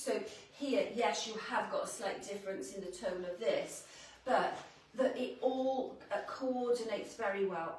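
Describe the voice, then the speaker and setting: A woman's voice: medium pitch, a little hiss or hum. Chatty woman in an echoey boutique. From Wales. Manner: chatty, laughs often, talks while changing outfits. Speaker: boutique owner presenting clothes on a livestream. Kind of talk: casual live shopping chat. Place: clothing boutique, indoors. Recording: echoey shop room, voice from a distance.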